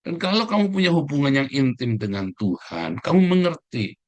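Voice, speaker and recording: A man preaching an informal sermon, talking straight to his listeners and swinging between emphatic, raised phrases and hushed asides. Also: mid-range voice, big pitch swings, normal speed, dull audio. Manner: informal, addresses listeners directly with frequent "ya" and "saudara". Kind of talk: conversational sermon.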